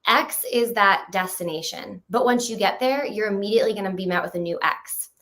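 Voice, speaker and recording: A woman in her thirties, a guest in a casual interview, talking in a quick, animated way and often laughing. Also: medium pitch. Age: 30s. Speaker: podcast guest.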